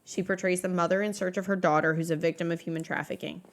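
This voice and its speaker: A woman's voice: lowish voice, fairly even intonation, fast. A woman co-hosting a podcast, leading the talk and going through her researched notes in a casual, filler-heavy way. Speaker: podcast co-host leading the episode.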